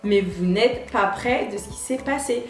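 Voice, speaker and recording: A woman's voice: mid-range voice, normal speed, faint music behind. A woman vlogger telling a casual story in her apartment, acting out each side of the dialogue. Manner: animated, acts out both sides of the dialogue. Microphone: camera mic. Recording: roomy, echoey apartment room.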